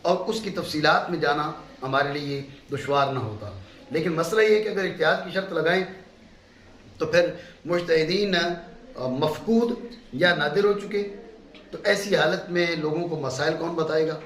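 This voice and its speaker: A middle-aged man from Pakistan teaches a class of students, emphatic and repetitive, often pausing to check that they follow. His voice sits high for a man. The room is echoey, with a faint hum underneath. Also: fairly bright tone. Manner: emphatic, repeats key terms and checks with "ٹھیک ہے؟". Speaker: mufti teaching a course. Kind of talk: classroom lecture.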